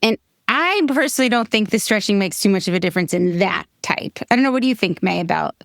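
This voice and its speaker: A woman's voice: mid-range voice, expressive, fast talker, vocal fry, no echo, studio quality. A woman co-hosting a podcast, chatting casually and often agreeing. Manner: agreeing, lots of backchannel. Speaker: podcast co-host. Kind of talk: casual chat.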